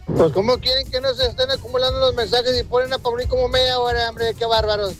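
Brief: Mexican male caller, high-pitched, slangy and chummy, music faint behind. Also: steady tone, fast, fairly bright tone. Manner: slangy, chummy, keeps saying "carnal". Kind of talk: voice message to a radio show.

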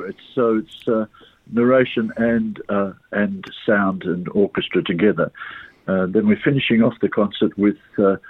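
An older man from Sri Lanka, an orchestra conductor, answering radio interview questions in a halting way with many pauses and restarts. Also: on the low side, slightly rough, no echo. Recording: tinny phone line.

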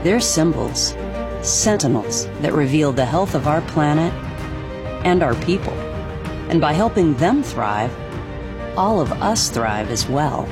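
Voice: mid-range voice, animated, measured pace, music in the background. A commercial narrator reading a scripted nonprofit advert.

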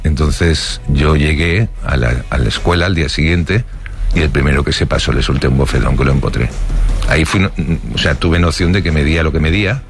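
This middle-aged man from Barcelona has a deep, low voice. He recounts his past in an interview, pausing often on fillers and restarting his sentences. Faint music plays under him. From Barcelona, Spain. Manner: hesitant, many fillers and restarts, chuckles while telling. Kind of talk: recounting life stories.

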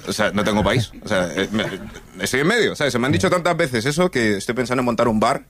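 A man's voice: medium pitch, lively intonation, quick pace, fairly bright tone. A young man from Nigeria performing a stand-up comedy set on stage, telling stories in a laid-back way and laughing at his own jokes. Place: comedy stage with live audience.

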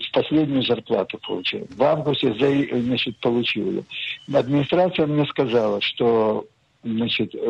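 A man's voice: mid-range voice, vocal fry, a little hiss or hum. A man in his sixties calling a radio show with a question, hesitant and full of fillers. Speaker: caller. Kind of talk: call-in question. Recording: muffled phone line.

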